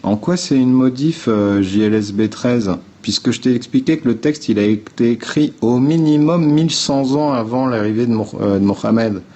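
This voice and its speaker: Blunt, informal man with a mellow voice. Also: mid-range voice, moderate pace, few pauses. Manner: blunt, informal, swears, addresses viewers directly. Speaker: livestream host. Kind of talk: casual explanatory livestream talk. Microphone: phone.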